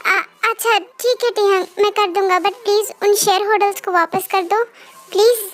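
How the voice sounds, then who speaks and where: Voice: extremely high pitch, steady tone, normal speed, a bit bright. A woman voicing a worried uncle in a read-aloud fan story, agreeing hesitantly and pleading. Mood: reluctant. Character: worried older uncle, giving in reluctantly.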